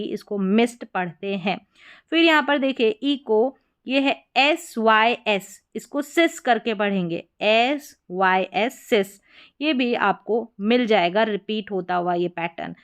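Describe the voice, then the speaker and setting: A woman with a smooth, resonant voice pitched a little high walks learners through spelling patterns. She spells words out slowly letter by letter, repeats each pronunciation and checks in with short affirmations. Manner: slow, patient letter-by-letter spelling out. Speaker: English reading teacher. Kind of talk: explaining spelling patterns step by step.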